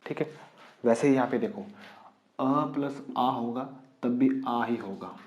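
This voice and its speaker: A male teacher explains a grammar rule step by step, firing questions at his students and answering them himself. His voice is mellow and dark, and the recording is dull and lo-fi in a roomy space. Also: medium pitch, unhurried. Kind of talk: online exam-prep lesson.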